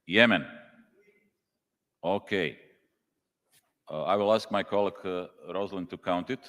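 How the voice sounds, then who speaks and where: Calling the roll at a meeting, a congress official reads country names one by one in a slow, deep voice with a touch of brightness. A long reverb from the large conference hall hangs on every word.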